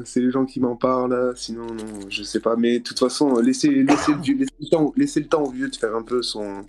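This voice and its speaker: A man chatting casually as a co-host, relaxed and joking. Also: medium pitch. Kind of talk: casual chat.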